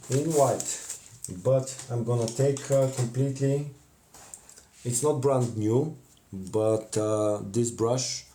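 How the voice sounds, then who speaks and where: Bulgarian guy in his 30s, mellow voice, chatting with viewers while painting minis, lots of uhs, phone close up at a desk. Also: mid-range voice, a little hiss or hum. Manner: chatty, warm thanks to viewers, frequent "uh" pauses. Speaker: crafts streamer. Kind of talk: casual live-stream chat while crafting. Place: cluttered home craft table, indoors. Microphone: phone camera close in front.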